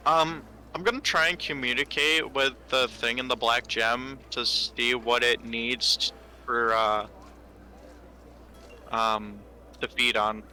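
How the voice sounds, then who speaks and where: A man's voice: mid-range voice, steady tone, slow, bright, forceful tone, slight background noise. A man playing a tabletop game, thinking aloud hesitantly about what his character does. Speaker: player.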